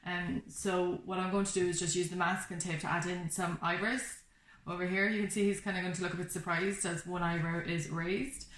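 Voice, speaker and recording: A woman teaching a craft workshop talks briskly in a lowish, fairly bright voice with little pitch movement. Her hands-on tutorial is casual, each step explained informally and reassuringly. Clicks and background noise carry through the echoey room.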